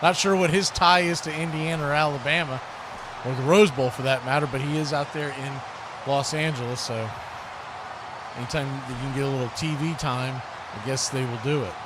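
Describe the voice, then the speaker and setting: Fairly quick and fairly even in tone, this man's mid-range voice carries casual, folksy play-by-play as he hosts a livestream and talks with his viewers. Background ambience leaves the recording clearly noisy.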